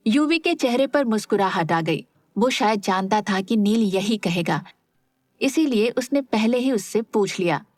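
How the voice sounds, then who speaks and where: A woman narrating a serialized romance audio drama in a steady storytelling manner. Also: medium pitch, measured pace, no room sound, clean studio sound. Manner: steady storytelling, voices all parts.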